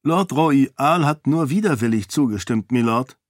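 A man's voice: medium pitch, animated, a little slow, no echo, studio quality, voice pushed up, lightly acted. A man voicing a clever, self-assured young princess in an audiobook, speaking in a raised voice with pointed lines. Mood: teasing. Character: young clever princess, bold and sharp-tongued. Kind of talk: audiobook character voice.

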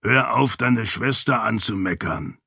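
A man voicing a good-humoured father with a deep, scratchy voice. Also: animated, measured pace, creaky, pushed and bright, breathy edge, no echo, studio quality, exaggerated voice. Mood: gruff.

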